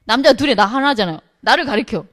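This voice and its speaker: A middle-aged woman, a pastor's wife, telling a humorous church testimony with lively storytelling, acting out what others said. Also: fairly high pitch, fast. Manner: lively storytelling, acts out quotes, laughs often.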